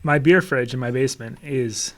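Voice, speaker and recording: A man's voice: medium pitch, normal speed, fairly bright tone. Joking man co-hosting a chatty podcast. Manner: joking, easygoing banter. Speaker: podcast co-host. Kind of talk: casual chat.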